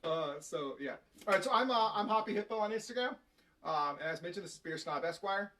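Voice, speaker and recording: Fast-talking man hosting a beer tasting. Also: sits high, animated, a bit bright. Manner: quick, chatty, joking. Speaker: beer reviewer host. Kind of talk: casual beer tasting chat. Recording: distant mic with faint noise.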